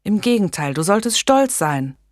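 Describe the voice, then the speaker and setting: A woman's voice: mid-range voice, sing-song, moderate pace, no room sound, clean studio sound, voice pushed up, natural voice. A woman reading an audiobook and voicing a resolute, caring noblewoman who speaks firmly and protectively. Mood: soothing. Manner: firm, indignant.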